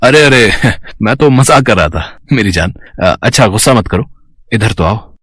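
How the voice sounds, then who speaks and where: A man's voice: on the low side, lively intonation, unhurried, a bit bright, breathy edge, no room sound, full character voice. A man voicing a greedy, manipulative male doctor in a storybook drama, coaxing and cold. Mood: scheming.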